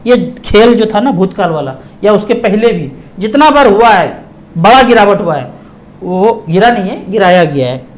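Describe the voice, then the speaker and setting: Middle-aged indian guy explaining mutual funds, high voice, emphatic, slows down to stress stuff. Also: animated. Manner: emphatic, slows down and breaks words apart for stress. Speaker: mutual fund distributor. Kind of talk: explaining investing to viewers.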